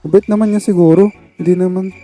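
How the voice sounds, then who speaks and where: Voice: mid-range voice, steady tone, quick pace, dark tone. A person with a Filipino accent casually reacting to funny clips as host, trying not to laugh and sometimes chuckling.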